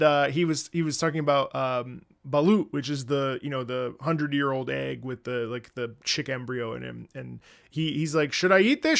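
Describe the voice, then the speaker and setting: A man streaming a game, chatting casually with his viewers in an excitable, rambling way, swearing and greeting people by name. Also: a little high, creaky. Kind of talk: casual livestream chat.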